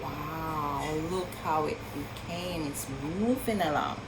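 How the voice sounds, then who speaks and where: With a deep voice and a slow pace, a woman reads a picture book to children in an expressive style. She marvels aloud and asks her young listeners questions, over a noisy background.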